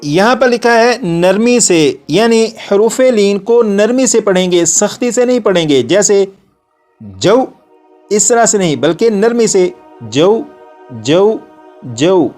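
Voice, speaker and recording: A man teaching a recitation lesson step by step, explaining each rule patiently and then demonstrating the sounds slowly, repeating each one three times. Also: high-pitched, a little mellow, soft background music.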